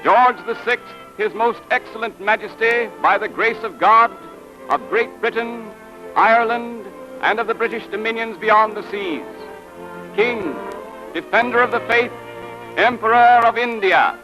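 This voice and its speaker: In grand, declamatory style, a man narrates an old newsreel at a measured pace, his voice high for a man. Loud music runs under the whole lo-fi soundtrack.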